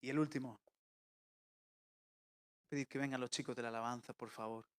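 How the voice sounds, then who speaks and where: A man preaching a sermon as pastor, swinging between loud emphatic calls and quiet intimate asides. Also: mid-range voice, fairly even intonation, a little fast. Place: church.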